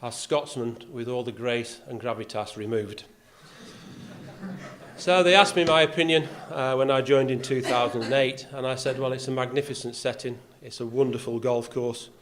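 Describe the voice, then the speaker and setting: An older man with a faint Yorkshire accent, serving as golf club vice captain, gives a speech in the clubhouse function room. His mid-range voice is a bit bright, with fairly even intonation at a moderate pace, plus dry self-mocking humour, frequent "uh" fillers, and slight background noise.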